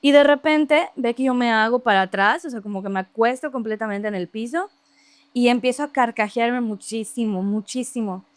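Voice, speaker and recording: A woman telling a story from her childhood in casual, lively conversation, laughing often and imitating other people's voices. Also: fairly high pitch, normal speed, dry recording. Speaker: podcast guest.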